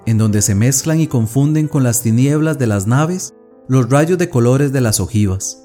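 A male narrator reads a classic tale in a measured, solemn manner. His voice is dark and mellow at an average pitch. Soft instrumental music plays faintly beneath the narration. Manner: measured, solemn literary reading. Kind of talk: scripted audiobook narration.

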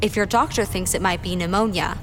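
A woman playing a confident, helpful medical superhero, giving clear instructive narration in an educational cartoon. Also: fairly low pitch, brisk, fairly bright tone, soft background music.

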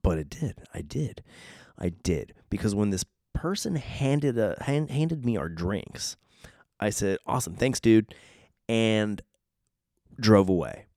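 A man's voice: on the low side, big pitch swings, slow, a little mellow, no echo, clean studio sound. A man from Southern California with a Southern Californian accent, rambling wryly through a casual podcast monologue and repeating phrases. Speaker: podcast host.

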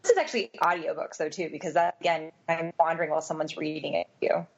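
Gravelly low-voiced woman chatting. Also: fairly even intonation, quick pace. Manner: rambling, self-mocking storytelling. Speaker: podcast co-host. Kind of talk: casual chat. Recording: dull lo-fi sound.

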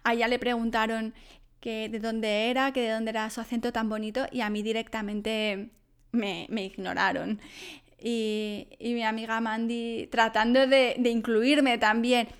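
A woman's voice: on the high side, little pitch movement, unhurried, clear, resonant tone. A woman from Spain chatting casually to camera, telling stories and acting out other people's voices. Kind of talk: casual storytelling monologue.

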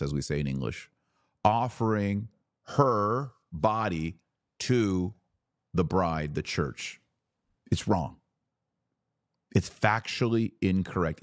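In clean, dry studio sound, a podcast host and religious commentator preaches emphatically to his listeners. His voice sits low with a darkish tone, and his opinionated monologue is laced with rhetorical questions and asides.

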